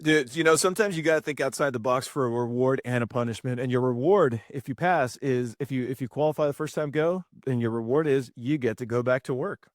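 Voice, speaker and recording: A man's voice: mid-range voice, a little fast, hardly any pauses, no echo, studio quality. A young man, a former military mechanic, telling stories in casual podcast chat, swearing freely. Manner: profane, animated storytelling.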